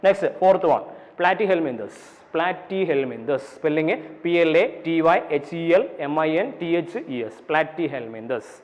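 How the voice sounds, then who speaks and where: A male teacher with a Malayali accent lecturing a class, repeating points, asking and answering his own questions, spelling terms letter by letter and slowing down for definitions. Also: fairly high pitch, animated. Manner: slows down for dictated definitions. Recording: dull audio with long reverb.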